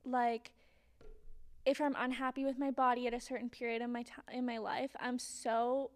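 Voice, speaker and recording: High-pitched young Valley girl woman. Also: flat delivery, moderate pace. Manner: Valley-girl talk, peppered with "like" and "literally". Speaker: podcast co-host. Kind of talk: casual chat.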